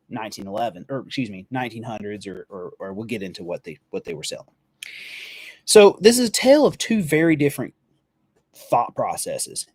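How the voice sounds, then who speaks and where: A man's voice: medium pitch, a little mellow, no echo. A man hosts a live firearms show in an easygoing, rambling manner, backing up to correct himself and letting mild swears slip. His voice sits in an ordinary middle register. The sound is close and dry, with no room around it. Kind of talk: casual live-stream history talk.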